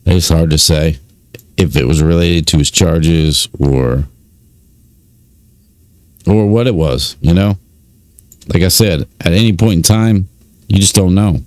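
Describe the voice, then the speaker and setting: Deep-voiced man casually recapping records. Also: slow pace, long pauses, a little mellow, no room sound. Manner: conversational, many fillers, informal phrasing. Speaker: YouTube commentator on prison news. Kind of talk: casual commentary reading records.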